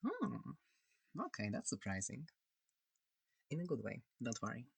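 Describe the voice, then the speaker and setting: Playing a gentle, inquisitive alien examiner, an ASMR performer of indeterminate sex speaks softly in a halting, clinical but comforting way, often whispering breathily right up against a close, dry mic. Their voice is medium in pitch with huge swings, and there's no room sound.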